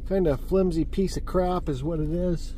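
A man with a high, warm, steady voice speaks at normal speed while driving on a road trip, addressing a phone camera fixed to the dash. His casual talk rambles and corrects itself, with occasional swearing and faint car noise behind it.

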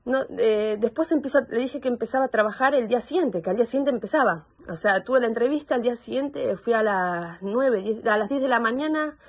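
Husky young Argentine woman testifying. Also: fairly high pitch. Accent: Argentine Spanish. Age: young adult. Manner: halting, searching for words. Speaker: complainant in a psychological assessment. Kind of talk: personal testimony. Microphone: video call.

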